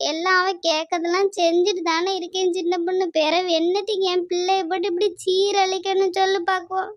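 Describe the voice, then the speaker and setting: A woman plays a cartoon village mother with a strikingly high, thin voice. She pleads and laments in long sing-song complaints. The recording is dry and close. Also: flat delivery, a little fast, dry recording. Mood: lamenting. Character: grieving village mother, middle-aged woman, gentle and long-suffering. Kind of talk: cartoon voice acting.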